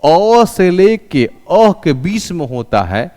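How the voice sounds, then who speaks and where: A man's voice: sits high, very animated, takes it slowly, darkish tone, big-room sound. A male teacher giving a classroom English lesson, asking questions and answering them himself and having students repeat after him. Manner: calls students "raja".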